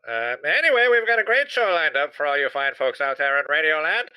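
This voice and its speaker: A man's voice: fairly high pitch, animated, fairly quick, bright, forceful tone, smooth, no echo. A man playing a folksy 1920s radio host on a comedic parody, with a hokey announcer cadence. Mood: jovial.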